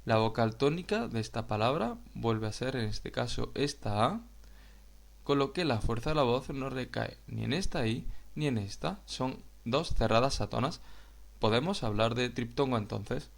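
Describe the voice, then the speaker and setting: A man with a Spain Spanish accent, teaching a grammar lesson in a slow, explanatory way and addressing viewers directly. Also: mid-range voice, animated, gravelly. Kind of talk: video lesson narration.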